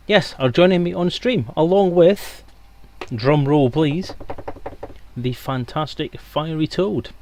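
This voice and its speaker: A man with a mid-range, slightly mellow voice hosts a livestream on a headset mic. He chats informally with viewers, joking around and wandering off on tangents.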